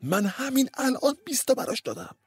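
A man voicing a naked lover hiding in a wardrobe, flustered and pleading for quiet. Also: mid-range voice, big pitch swings, gravelly, slightly rough, full character voice.

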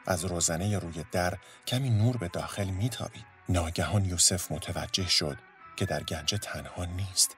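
A man narrating a story in a steady, measured storytelling voice. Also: sits low, faint music behind.

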